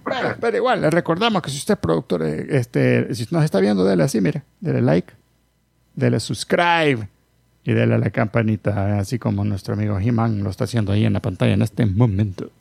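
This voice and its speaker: A man's voice: medium pitch, fairly quick, vocal fry, no echo. A man hosting a podcast like a playful ringmaster, grandly addressing his audience and slipping in joking asides. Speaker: podcast host and producer. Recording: music bed under the voice. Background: loud music.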